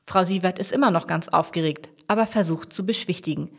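A woman narrating a children's story aloud in an expressive storytelling manner. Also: fairly low pitch, a little fast.

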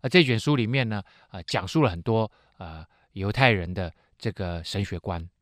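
A man's voice: on the low side, moderate pace, no echo, clean studio sound. A man teaching a Bible lesson as a story, with frequent filler sounds between phrases.

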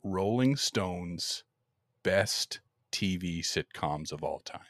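A low-pitched man hosts a casual podcast chat. His voice swings up and down with animated, expressive intonation, and he laughs often. The recording is dry and close, with no room sound. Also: takes it slowly, no echo. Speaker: podcast host.

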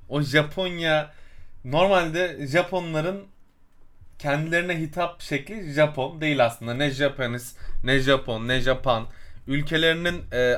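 Chatty man, slightly high voice. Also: fairly bright tone. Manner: storytelling, explains at length with fillers and searches for words. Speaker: podcast co-host. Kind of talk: casual chat.

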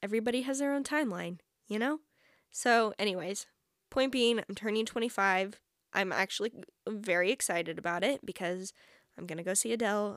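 Her voice sits on the high side and sounds a bit bright as this twenty-something podcast host talks solo in a chatty, informal way, full of "like." The sound is clean studio audio with no room sound.

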